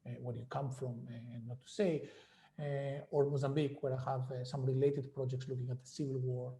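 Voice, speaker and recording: A man, an economics professor, explaining his research in a measured interview manner with frequent fillers. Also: medium pitch, flat delivery, dark tone, reverberant, slight background noise. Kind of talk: academic interview.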